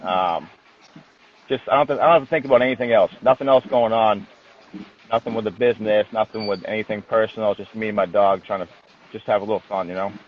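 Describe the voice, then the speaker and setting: A man's voice: on the low side, fairly even intonation, fast. Man on a phone-like line, casual and candid. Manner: candid, colloquial, occasional swearing. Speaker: interview guest, dog trainer. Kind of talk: casual interview chat.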